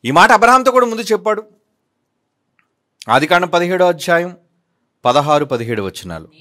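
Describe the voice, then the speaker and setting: A man preaching with a lively, rising and falling voice that sits fairly high. He reads scripture in drawn-out phrases, then presses his listeners with pointed, repeated questions. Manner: questioning, emphatic, drawn-out readings. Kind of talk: sermon with bible reading.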